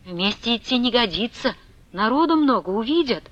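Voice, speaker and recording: A woman reading a story aloud voices a timid, frightened man who pleads in a hushed, slow voice. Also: a little high, animated, dry recording. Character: timid frightened middle-aged man, pleading under his breath. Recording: dull, dry lo-fi recording.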